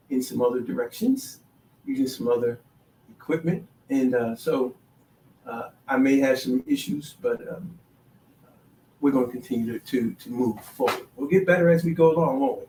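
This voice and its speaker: A man hosting a solo talk show, halting with many restarts, then building to emphatic, sermon-like declarations. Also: mid-range voice, slight background noise. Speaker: podcast host. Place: DC, Maryland, Virginia area. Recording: echoey room, voice far from the mic.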